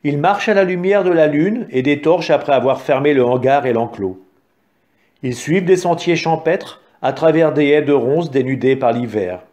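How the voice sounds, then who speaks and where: A man tells a story in a calm, measured way. His voice is slightly high yet mellow and warm. The narration stays quiet and even throughout. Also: lo-fi sound.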